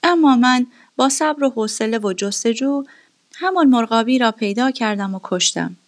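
A woman voicing a wise, patient royal vizier in a storybook reading, calm and measured. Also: on the high side.

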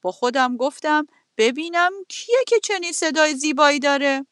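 A crafty, hungry fox from a storybook, stretching out his flattering words slowly, as a woman puts him on. The voice stays high, and the recording is dry and close. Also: no room sound. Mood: sly coaxing. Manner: sweet-talking, coaxing, drawn-out. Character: cunning hungry male fox, smooth flatterer.

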